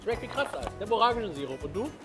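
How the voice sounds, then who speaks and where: A man's voice: high-pitched, sing-song, rapid-fire, loud music behind the voice. A young man bantering casually and bluntly outdoors during a food challenge, a little grumbling. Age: young adult. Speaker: challenge participant. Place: snowy garden, outdoors. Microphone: camera a few metres away.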